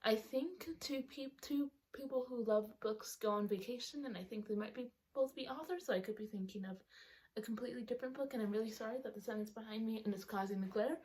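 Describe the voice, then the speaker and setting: Wearing a retainer that slightly changes her speech, a young woman rambles through a casual book vlog, full of ums and self-corrections, outdoors or beside a sunny window at home. She talks fast in a slightly high voice with a darkish tone, and the recording quality is low.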